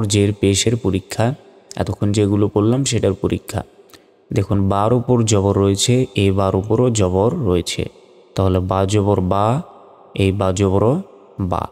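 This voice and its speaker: A man's voice: lowish voice, warm tone, long reverb tail. A man teaching Arabic letter sounds for Quran reading, patiently repeating each sound for the learner. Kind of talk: slow recitation lesson.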